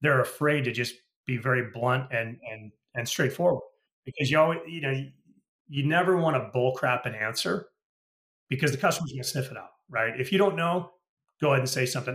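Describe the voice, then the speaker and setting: A man's voice: medium pitch, fairly quick, sharp tone. A middle-aged man, a podcast guest and retired sales executive, telling candid work stories in a casual, rambling way. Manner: candid, anecdotal, many restarts and "you know". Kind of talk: casual storytelling interview. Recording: roomy echo.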